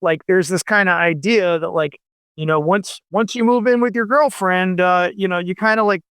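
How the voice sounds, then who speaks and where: A novelist in his forties, guesting on a radio show, chats casually and rambles with lots of fillers and false starts. His voice sits high and moves at a normal pace, with a slightly bright, clean tone captured in a dry recording.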